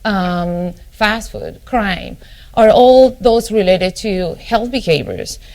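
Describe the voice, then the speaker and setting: Speaking slowly with a medium-pitched, darkish and very animated voice, a middle-aged Argentine family physician gives a conference keynote in an Argentine Spanish accent. She frequently pauses on ums and "you know" and starts her phrases over.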